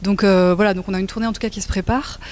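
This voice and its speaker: A woman musician from Belgium answers interview questions in a hesitant way, full of fillers and restarts. Her voice sits at an ordinary pitch for a woman. A faint hiss runs under the recording. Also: steady tone, fast, darkish tone. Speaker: musician guest. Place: festival interview, Montreal.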